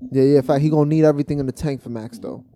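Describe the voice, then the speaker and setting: A man's voice: fairly high pitch, fairly even intonation, very fast, warm tone, dry recording. A young man co-hosting a podcast, talking in a loose, joking, trash-talking way. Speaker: podcast co-host. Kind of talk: casual chat.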